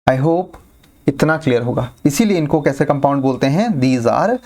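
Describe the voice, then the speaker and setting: A man giving a chemistry lesson in a middle-pitched voice. He pauses to think, slows down to spell out each technical term, and keeps asking the class questions before answering them himself. He mixes English words into his talk and checks in often with "right?" and "okay". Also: lively intonation, a little mellow. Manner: thinks aloud, with pauses and slow, spelled-out terms. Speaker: teacher.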